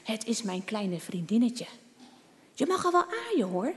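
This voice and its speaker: A sweet, friendly young girl, played by a woman reading a storybook. She talks slowly with a lively, rising and falling voice, and a long reverb hangs behind her. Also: medium pitch. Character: sweet young girl who owns a puppy.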